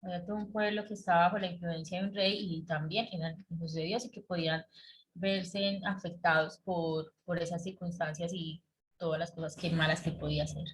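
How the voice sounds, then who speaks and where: Woman, lowish voice, hesitant, Bible study comment. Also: flat delivery, fairly quick, poor audio. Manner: hesitant, restarts her thought.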